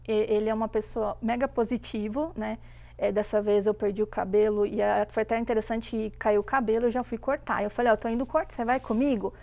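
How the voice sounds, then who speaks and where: A woman with a fairly high voice and a gravelly, creaky edge. She talks in relaxed conversation and acts out what others said. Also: brisk. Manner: animated storytelling with voiced quotes. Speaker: guest mother. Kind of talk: casual chat.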